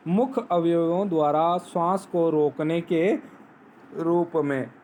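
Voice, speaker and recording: Male teacher with a high, unhurried voice who poses questions and answers them himself; faint background noise. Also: darkish tone. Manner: explains step by step, asks and answers own questions; recites Sanskrit sutras slowly. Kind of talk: Hindi grammar lesson on phonetics.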